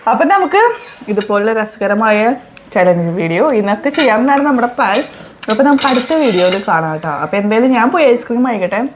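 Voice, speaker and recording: A woman's voice: a little high, noisy background. A young woman hosting a casual home vlog, talking in a playful, teasing, upbeat way. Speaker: vlogger host.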